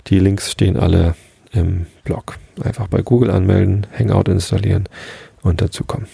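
A man hosting a podcast, calmly reading a bedtime story aloud on a close mic. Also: sits low, moderate pace, gravelly, slightly rough, no room sound. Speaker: podcast host and story reader.

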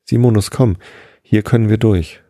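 A man's voice: fairly low pitch, dark tone, no room sound, studio quality, natural voice. A man playing a bossy older brother. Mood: urging. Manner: urgent, quick-tempered.

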